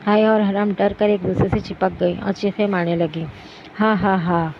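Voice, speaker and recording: A woman's voice: medium pitch, fairly even intonation, normal speed. Woman reading a novel aloud. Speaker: audiobook narrator. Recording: dull lo-fi recording with background noise.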